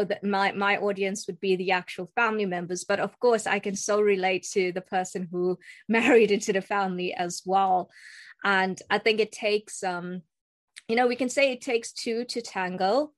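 A woman's voice: medium pitch, no echo. Earnest South African woman guest. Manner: earnest, with filler words and restarts. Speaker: guest, cross-cultural communication coach. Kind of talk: casual interview talk.

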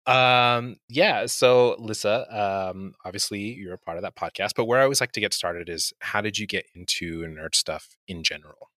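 A man hosting a podcast interview, teasing his guest, laughing often and talking with halting fillers. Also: on the low side, pushed and bright, dry recording, clean studio sound. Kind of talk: casual interview chat.

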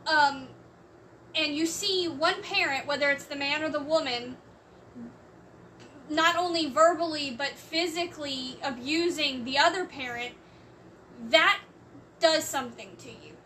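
A woman in casual conversation, explaining her views slowly and at length. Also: high-pitched, sharp tone, recorded from a distance, slight background noise. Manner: slow, measured, explains at length. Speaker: co-host discussing a court case. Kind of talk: casual chat.

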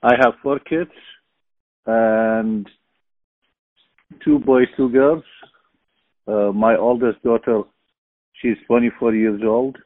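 Middle-aged man, slow and halting, dry phone-line sound. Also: mid-range voice, fairly even intonation, no echo. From Iraq. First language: Arabic. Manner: halting, searching for words, many fillers. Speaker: podcast guest. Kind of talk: casual interview.

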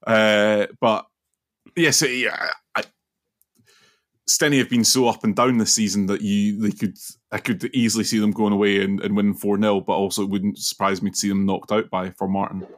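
A man with a fairly low voice chats casually as a sports panellist. He is tentative and halting, feeling his way through each thought. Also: little pitch movement. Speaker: football podcast panellist. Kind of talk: casual football chat.

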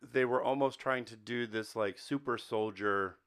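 Here a man co-hosts a podcast, talking loosely about movies and games. He speaks at a moderate pace in a mid-range voice with a fairly bright tone.

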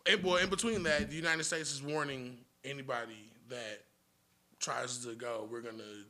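A man's voice: medium pitch, fairly even intonation, normal speed, sharp tone. A man on a casual podcast, telling a long story in a rambling, profane way and laughing often. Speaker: podcast guest.

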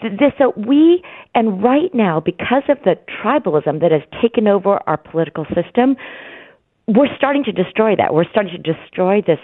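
A woman guest author and law professor speaking in a radio interview, explaining her ideas in an animated way and laughing easily. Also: mid-range voice, no echo. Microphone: phone line. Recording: tinny phone line, dry.

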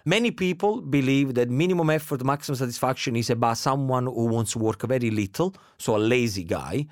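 A middle-aged man with an Italian accent chatting casually, animated and laughing often. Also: mid-range voice, a little fast, no room sound, clean studio sound. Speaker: guest. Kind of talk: casual chat.

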